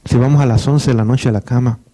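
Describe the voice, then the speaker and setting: A man's voice: medium pitch, fairly even intonation, quick pace, mellow. A middle-aged man preaching a sermon as pastor, earnest, often repeating and restarting words.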